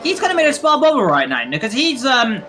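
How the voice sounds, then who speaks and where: A young man commentating a sim racing league, chatty and excitable, shouting at crashes. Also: extremely high pitch, fast, music in the background. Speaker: race commentator.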